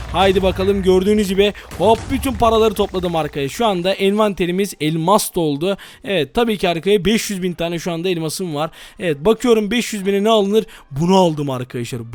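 High-voiced, excitable male gamer. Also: slight background noise. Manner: exclamatory, talks straight to viewers. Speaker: gaming YouTuber. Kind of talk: excited gameplay commentary.

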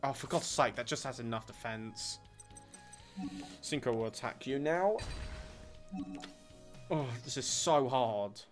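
A man's voice: medium pitch, slow pace, pauses often, faint music behind. Man muttering through gameplay commentary. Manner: muttering, exasperated asides. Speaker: gamer doing a let's play.

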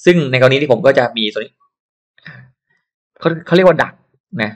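A man giving a casual software tutorial who chats and digresses into advice while working. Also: mid-range voice, lively intonation, normal speed. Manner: chatty, digresses into advice and asides.

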